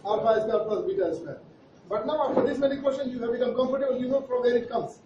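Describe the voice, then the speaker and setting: Standing at the board, an Indian-accented man runs an interactive maths lesson, ribbing the class in a playful way and pausing to ask them questions. He talks fast in a very high-pitched voice. The classroom audio is muffled, noisy and full of echo, with the mic placed far away.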